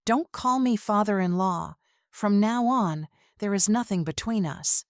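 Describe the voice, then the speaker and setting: A woman's voice: mid-range voice, measured pace, dry recording, clean studio sound, pitched above the performer's own voice, close to an everyday voice. A woman voicing a stern retired military father in a narrated family drama, commanding and furious.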